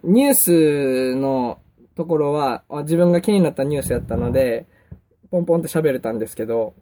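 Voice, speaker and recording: A young man with a Kansai accent, hosting a casual solo podcast and chatting in a relaxed way with lots of fillers. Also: on the high side, a little hiss or hum. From Kansai, Japan. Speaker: podcast host.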